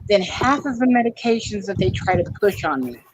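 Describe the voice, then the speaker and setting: A woman's voice: mid-range voice, big pitch swings, brisk, slightly rough. A woman from Florida in a casual chat, speaking frankly and wryly. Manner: frank, complaining, wry. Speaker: guest in chat.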